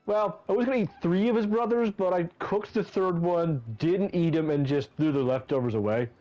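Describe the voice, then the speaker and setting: A man's voice: high voice, moderate pace, mellow, muffled recording, soft background music, close to an everyday voice. A man voicing a shady, pushy food peddler in a fantasy game, with hammy, offhand bad acting. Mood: offhand, gossipy. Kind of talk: amateur dramatic game dialogue read-along.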